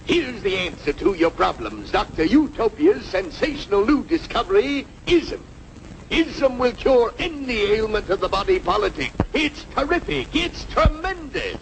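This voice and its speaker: High-pitched, creaky huckster. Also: male voice, sing-song, moderate pace, heavily acted. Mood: bombastic, coaxing. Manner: bombastic, exclamatory hawking. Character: fast-talking huckster salesman, sly medicine-show pitchman. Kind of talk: carnival barker sales pitch in vintage cartoon. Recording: noisy vintage cartoon soundtrack.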